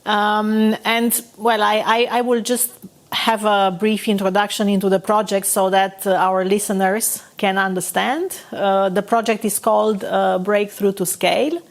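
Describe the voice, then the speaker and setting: A woman from Romania, a company founder, hosting a podcast and speaking in a halting way with many fillers. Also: medium pitch, fairly even intonation. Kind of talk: casual podcast conversation.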